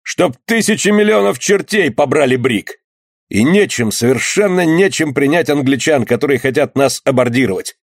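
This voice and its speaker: A man voicing a furious pirate captain who shouts orders in a frenzy. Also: medium pitch, animated, normal speed, no room sound, studio quality. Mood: frenzied commanding.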